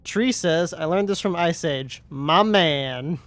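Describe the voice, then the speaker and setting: A man's voice: slow pace, a bit bright, dry recording. A man chatting casually while streaming a game, rambling and restarting his sentences. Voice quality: higher voice. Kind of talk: casual gameplay chat.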